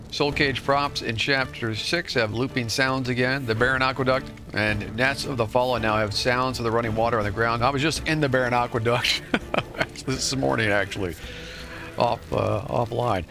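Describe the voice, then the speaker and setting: A man's voice: mid-range voice, steady tone, normal speed, over music. A man streaming a game live, reading patch notes aloud and chatting to viewers in a playful, jokingly boastful way. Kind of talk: live gameplay commentary and patch-note reading.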